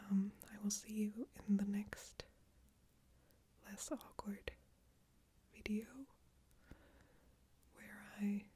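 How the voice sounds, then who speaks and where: A woman murmurs a soft ASMR bedtime ramble in a hushed, breathy whisper. Her delivery is slow and very even, with a hesitant, self-deprecating casualness. There is faint noise with occasional small crackles behind her. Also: mid-range voice. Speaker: ASMR video creator. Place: small closed room with screens and a PC. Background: occasional crackling from screens and PC.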